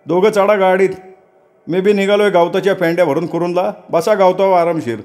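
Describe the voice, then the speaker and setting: A man playing a jolly, loud old village cart driver. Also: high-pitched, steady tone, fairly quick, pitched above the performer's own voice, lightly acted. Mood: hearty. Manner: loud, hearty calling out.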